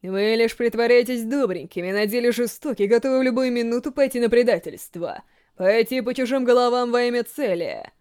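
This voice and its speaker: A woman voicing a refined, sinister male ghoul gourmet in a storybook reading, slow and theatrical. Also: on the high side, expressive, darkish tone, natural voice. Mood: menacing. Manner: slow, savoring, theatrical delivery.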